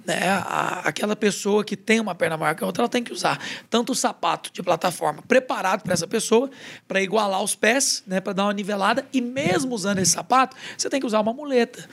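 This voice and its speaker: Lively Brazilian man telling a story. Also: high-pitched, fast talker, gravelly. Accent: Brazilian Portuguese. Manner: lively retelling that acts out quoted dialogue in a raised voice. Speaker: pastor and podcast guest. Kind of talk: casual storytelling testimony.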